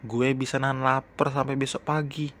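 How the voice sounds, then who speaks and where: Man doing a sulky young woman, stubborn older sister, blunt complaints, pushed higher and louder. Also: level tone, moderate pace, natural voice.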